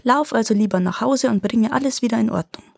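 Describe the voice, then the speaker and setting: A woman voicing a calm, shrewd tiny dwarf in a storybook fairy tale, speaking matter-of-factly. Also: a little high, fast, vocal fry, breathy edge, no echo, studio quality. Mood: calm scolding.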